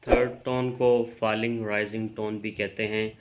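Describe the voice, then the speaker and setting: A man teaching a language lesson in a calm, measured way, clearly spelling out each sound. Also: fairly low pitch, lo-fi sound, a little hiss or hum. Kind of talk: slow explanatory lesson.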